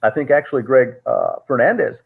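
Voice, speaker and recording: This interview guest on a call has a medium-pitched, animated voice that's a little fast, slightly rough and edged with vocal fry. He rambles through a long story with lots of "uh" fillers and restarts, all captured in tinny, phone-like call audio.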